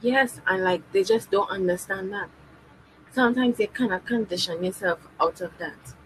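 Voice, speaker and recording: A woman with a Trinidadian accent talking casually on a podcast in a relaxed, conversational way. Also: mid-range voice, moderate pace, a little hiss or hum, low-quality recording. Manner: relaxed, conversational, explaining her view.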